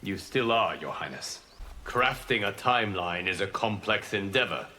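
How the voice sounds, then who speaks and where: Voicing a merciful guardian god in a video game, a male actor sounds calm and solemn. His lowish voice stays measured, formal, and earnest, with slight background noise in the recording.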